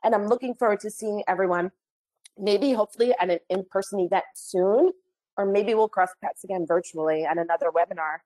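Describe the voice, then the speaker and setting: A woman, a little hoarse from a recent cold, wraps up an online training session over a computer mic. She talks in a friendly, chatty way, slipping in small apologies. Her pitch sits in the ordinary middle range. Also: fairly quick, a little mellow, rough recording. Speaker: webinar trainer. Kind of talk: online training webinar wrap-up.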